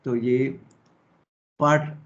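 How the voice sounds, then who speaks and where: A man's voice: medium pitch, steady tone, very slow. A male Hindi teacher explaining a story in a lesson, checking in with his students as he goes. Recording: dull lo-fi audio.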